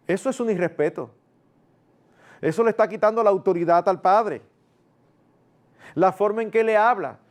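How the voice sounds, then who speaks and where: A man preaching a sermon in a lively, conversational way, acting out family dialogues in a raised voice. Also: high-pitched. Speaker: pastor.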